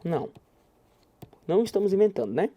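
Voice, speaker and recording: A man's voice: high voice, brisk. A man from Goiás with a Goiás Brazilian Portuguese accent, teaching Portuguese grammar through stories and acting out the people he quotes. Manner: animated storyteller, acts out quoted people. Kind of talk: anecdotal grammar lecture.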